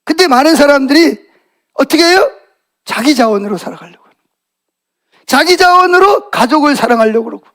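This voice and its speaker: A man's voice: very high voice, animated, brisk, long pauses, fairly bright tone. A middle-aged male pastor giving a Sunday morning sermon in a church, telling stories animatedly and asking the congregation questions. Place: church sanctuary.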